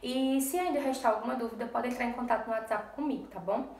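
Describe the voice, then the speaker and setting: A woman's voice: a little high, fast talker, a little mellow, roomy sound, far from the mic. A woman teaching a lesson to young children in a recorded remote class, patient and step by step, often checking in with the class. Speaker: primary school teacher.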